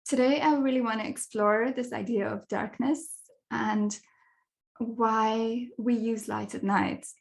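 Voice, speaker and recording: A young adult woman from Kenya giving a presentation talk over a video call as a dark sky advocate, in a thoughtful way with soft fillers. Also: on the high side, fairly even intonation, slow, vocal fry.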